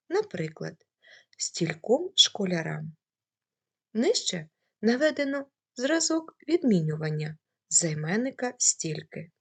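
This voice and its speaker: A woman's voice: medium pitch, breathy edge. A woman teacher reading a scripted grammar lesson, carefully saying word forms one by one.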